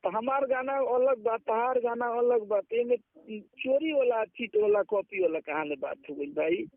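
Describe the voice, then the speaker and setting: A music artist who owns his own studio speaks with a Bhojpuri accent in an informal phone conversation, pleading and persuasive, and often checking that the listener agrees. His voice is extremely high and a little slow. The phone-call recording is muffled, with no room sound.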